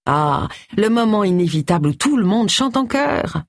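A woman's voice: mid-range voice, very animated, normal speed, creaky, dry recording, pitched above the performer's own voice. A woman voicing a sardonic middle-aged woman detective with a dry manner in an audiobook. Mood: gloomy.

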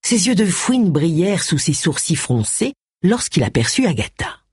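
An audiobook narrator reading a mystery novel in an expressive, varied manner. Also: medium pitch, normal speed, husky, dry recording, studio quality. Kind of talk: scripted narration.

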